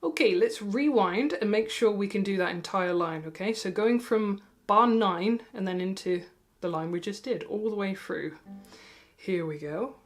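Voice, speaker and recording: A woman's voice: medium pitch, moderate pace. A woman teaching a guitar tutorial, chatty and encouraging, who counts beats and sings rhythm syllables and often laughs. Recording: guitar playing loud behind the voice.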